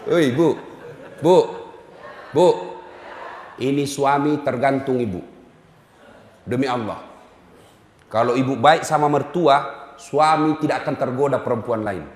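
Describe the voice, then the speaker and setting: A male preacher giving a humorous sermon in an animated, teasing way, speaking directly to his audience in a large hall. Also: mid-range voice, measured pace, long pauses. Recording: echoey hall.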